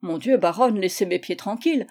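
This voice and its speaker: A woman's voice: mid-range voice, lively intonation, fairly quick, a little mellow, close to an everyday voice. Woman doing a grumbling old man. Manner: complaining, pleading. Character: grumbling 64-year-old man, put-upon, pleading.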